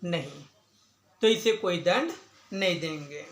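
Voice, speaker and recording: A man telling a religious story, voicing a pious, merciful old woman who pleads softly. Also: high voice, slow. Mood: pleading. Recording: echoey room.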